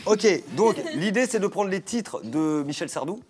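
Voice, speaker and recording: A man's voice: high voice, animated, measured pace, crowd noise. A young man hosting a TV studio show, interviewing guests in a playful, laughing way. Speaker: TV show host. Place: TV studio set. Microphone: handheld mic.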